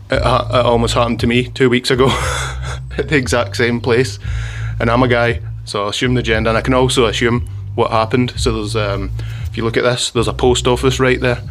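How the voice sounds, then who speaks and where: A man's voice: mid-range voice, fairly bright tone. A Scottish man telling a rambling story in a casual monologue, with frequent restarts and chuckles. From Scotland.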